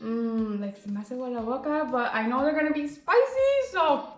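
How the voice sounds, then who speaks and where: A woman's voice: high voice, lively intonation, normal speed. A woman reviewing snacks in a casual vlog, gushing and bubbly, saying "like" and "guys" constantly and dropping in Spanish phrases. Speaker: food reviewer. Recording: echoey room.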